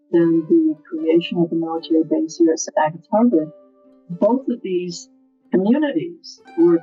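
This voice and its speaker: A woman from northern New York explains things in a low, slightly husky voice. Her audio comes through with fuzzy distortion, dull and lo-fi, and soft music plays faintly underneath. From northern New York State, USA. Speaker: historic site manager. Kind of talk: interview answers, explaining local history.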